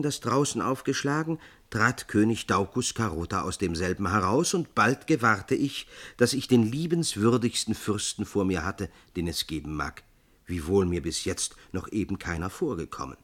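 A man's voice: fairly low pitch, expressive, normal speed. A man voicing a vain, flowery young male poet in an audiobook tale, pompous and effusive. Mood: gushing.

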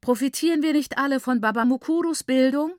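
Woman doing a shrill, exclaiming mother in an audiobook. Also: a little fast, no room sound, lightly acted. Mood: admiring. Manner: loud exclaiming. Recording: dry close recording.

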